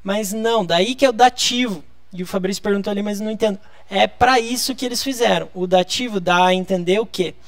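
A man's voice: high-pitched, brisk, no echo. A man from Brazil teaching a live online lesson, explaining patiently and drawing out key words. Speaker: German teacher.

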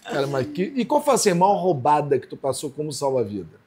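A Brazilian man hosting a podcast, asking questions in relaxed, slangy casual chat. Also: on the high side, quick pace, slight background noise. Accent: Brazilian Portuguese. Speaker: podcast host.

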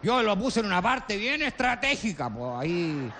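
A man's voice: high voice, big pitch swings, normal speed, bright, forceful tone, a little hiss or hum, heavily acted. A man playing a boastful, fibbing old Chilean country man in a live comedy sketch, with a rural Chilean accent and a rustic drawl. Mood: storytelling. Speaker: comic performer.

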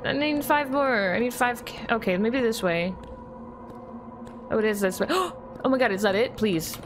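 Young woman gamer, high and very animated, easily spooked, nervous laughter. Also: normal speed, background noise. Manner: jumpy and excitable, lots of gasps and nervous laughs. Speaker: gaming YouTuber. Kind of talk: horror game let's play commentary.

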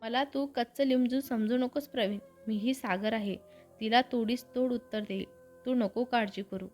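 A woman's voice: a little high, steady tone, moderate pace, darkish tone, faint music behind, lightly acted. Woman reading as cocky young man Sagar. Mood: teasing. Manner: teasing, boastful.

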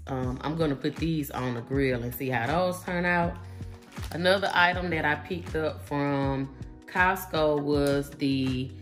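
A woman, chatting casually through a grocery haul in her home kitchen, relaxed and full of fillers. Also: sits low. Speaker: vlogger.

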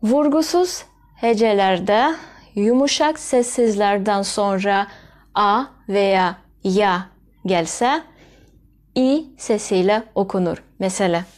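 A woman teaches pronunciation at an unhurried pace, spelling out sounds and saying every example word twice. Her voice sits at an ordinary middle pitch. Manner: spells out sounds and repeats example words slowly. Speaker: Russian language teacher. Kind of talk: slow, deliberate language lesson.

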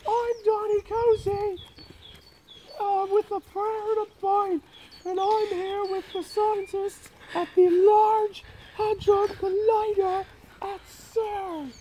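Brief: a woman mimicking a sugary TV presenter, squeaky and drawn out. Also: flat delivery, mellow, slight background noise. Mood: cheery. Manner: drawn-out sing-song delivery. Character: over-cheery high-pitched male TV presenter.

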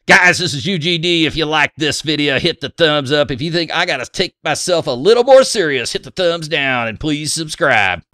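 A man's voice: a little high, lively intonation, normal speed, hardly any pauses, pushed and bright, no echo. A man hosting a gun channel vlog, reading viewer comments aloud in a joking, crude, self-mocking way.

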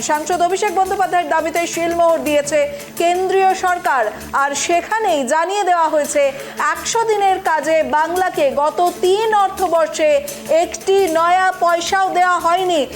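High-voiced woman reading news. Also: soft background music. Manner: brisk, assertive headline delivery. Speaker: news anchor.

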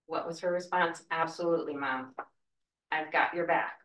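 A school cafeteria worker stands at a wooden podium during public comment at a school board meeting, making an earnest, emotional plea. Her low voice is a bit bright, with fairly even intonation at normal speed. The podium mic is picked up by a far camera, so she sounds distant in an echoey room.

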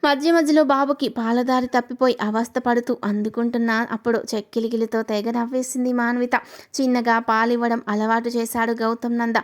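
A woman narrating a family story at an even, steady pace. Her voice sits somewhat high, and her delivery stays plain and unhurried.

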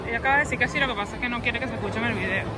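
A young woman in her twenties records herself on a phone at arm's length outdoors. She tells a story in a lively, chatty way, with a slightly high voice. Street and traffic noise are clearly heard behind her. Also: racing, a loud crowd. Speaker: vlogger. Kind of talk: casual vlog chat. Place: outdoors by a shopping mall. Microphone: phone held at arm's length.

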